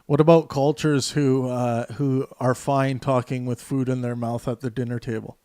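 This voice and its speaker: A man's voice: mid-range voice, little pitch movement, normal speed, a little mellow, smooth, no echo, clean studio sound. A man hosting a casual voice-chat discussion, thoughtful and hesitant, with many fillers and restarts. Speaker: host.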